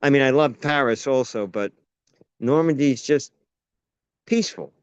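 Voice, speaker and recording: Man, American, actor, casual chat, smooth resonant voice, dry slightly dull recording. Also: medium pitch, moderate pace, no echo. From United States. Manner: rambling, self-interrupting storyteller. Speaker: actor and playwright. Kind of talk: casual conversation.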